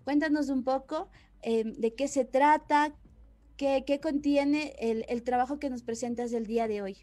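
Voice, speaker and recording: A woman moderating an online panel, warmly introducing the next speaker. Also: sits high, unhurried. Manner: friendly, introducing a guest.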